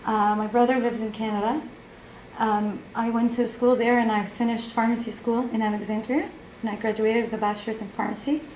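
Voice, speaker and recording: A woman in her forties from Egypt, testifying as a witness in a courtroom, speaking softly and hesitantly with many pauses. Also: a little high, level tone, a little hiss or hum. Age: 40s. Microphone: witness stand microphone. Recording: echoey courtroom audio.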